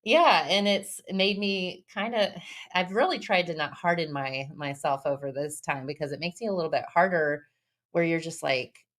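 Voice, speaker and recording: A woman's voice: low voice, moderate pace, a bit bright. A woman in her forties, a massage business owner, chatting as a podcast guest, telling stories, laughing often and acting out her own quotes. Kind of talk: casual conversational interview.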